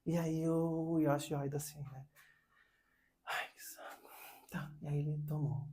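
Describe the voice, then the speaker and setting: A man hosting his own video, telling a story in a casual, animated monologue. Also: normal speed, slight background noise. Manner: animated, with many pitch swings and acted quotes. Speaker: video host.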